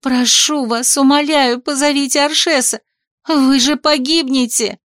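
A woman's voice: sits high, steady tone, a little slow, a bit bright, no room sound, clean studio sound, voice pushed up. Woman as a scared young heroine; urgent, pleading, raised voice. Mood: desperate.

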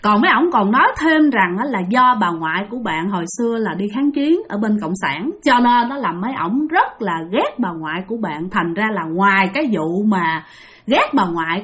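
A chatty Southern Vietnamese woman narrates a ghost story aloud, her mid-range voice a bit bright. She speaks directly to her listeners.

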